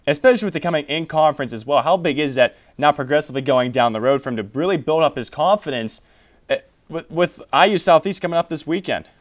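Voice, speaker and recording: His voice a little high and his pace quick, a young man runs a college sports show from a small TV studio. He covers the scores and stats before handing questions to his analyst.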